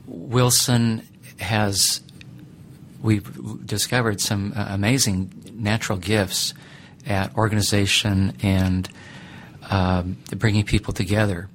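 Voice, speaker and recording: A middle-aged man who teaches ethics, answering interview questions in a thoughtful, deliberate way with many pauses. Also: lowish voice, little pitch movement, slight background noise.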